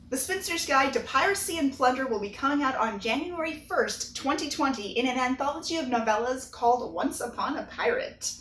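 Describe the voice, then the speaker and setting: Chatty, high-voiced woman author. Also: a bit bright, a little hiss or hum. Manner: chatty and earnest, with bursts of laughter. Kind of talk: video newsletter to readers. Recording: echoey room, mic at a distance.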